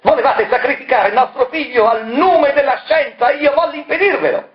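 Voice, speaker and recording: A man voicing a hysterical, grieving woman who screams curses and accusations in a shrill voice. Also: brisk. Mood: raging. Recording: echoey, dull, with soft music.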